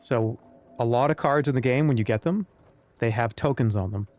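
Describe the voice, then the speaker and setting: A man's voice: mid-range voice, moderate pace, darkish tone. Male streamer: casual gameplay talk, mid-range voice, music faintly behind. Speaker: game streamer. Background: game music.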